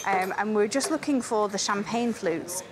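On an outdoor railway station platform, a young English-accented woman who organises railway events chats casually while setting up an event there. She talks at a moderate pace in a medium pitch, upbeat and quick to laugh, though the recording is low quality and crowd noise surrounds her.

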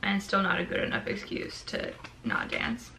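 This young adult vlogger talks casually to the camera from her small bedroom while eating ice cream. Her medium-pitched voice is crackly and gravelly, bright and forceful, delivered completely flat at a moderate pace.

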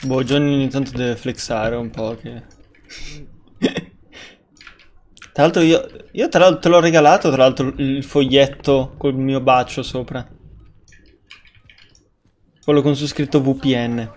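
A man's voice: mid-range voice, fairly even intonation, a little slow, long pauses, a little mellow, slight background noise. A man streaming a game, chatting casually, laughing often and swearing when surprised. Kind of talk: casual gaming stream chat.

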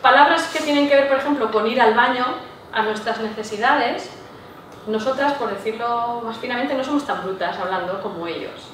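A woman giving a public talk to a live audience, often checking in with her listeners with a quick "¿sí?". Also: a little high, a bit bright, slight background noise. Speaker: lecturer. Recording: echoey room, voice from far off.

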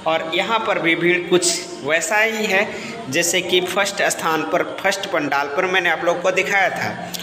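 A man with a high voice vlogs casually to viewers at a crowded outdoor festival ground at night, holding his phone at arm's length and talking at normal speed. The phone recording is echoey and reverberant, with crowd noise.

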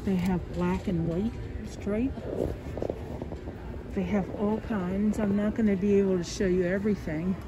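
A woman's voice: mid-range voice, steady tone, unhurried. Woman muffled behind a mask, noisy store. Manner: chatty, apologetic, speaking while walking around filming. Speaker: shopper hosting a store tour video. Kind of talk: casual vlog narration. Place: inside a large store. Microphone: handheld phone camera. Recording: noisy store ambience, phone recording.

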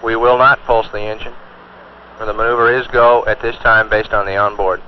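A man's voice: fairly low pitch, flat delivery, normal speed. A man as a flight controller giving clipped, procedural confirmations over a space mission radio loop. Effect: space mission radio loop transmission. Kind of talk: terse mission radio callouts. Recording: muffled radio loop with faint hiss.

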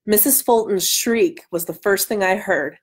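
A woman in her thirties hosts a live book reading with casual chat, her medium-pitched voice slightly rough and nasal from a cold, at a measured pace. She's indoors in a small room at home, picked up by a webcam at arm's length.

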